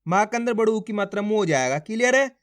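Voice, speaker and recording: A man's voice: high voice, animated, quick pace. A man teaching Hindi reading, sounding out words syllable by syllable and quizzing his viewers as friends. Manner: addresses viewers as friends, urging them to try. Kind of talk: slow spelling-out lesson.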